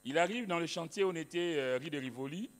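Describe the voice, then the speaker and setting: A male pastor preaches fast and animatedly in a church hall, his voice a little high. He is emphatic and keeps repeating phrases with many restarts, and the recording carries long hall reverb.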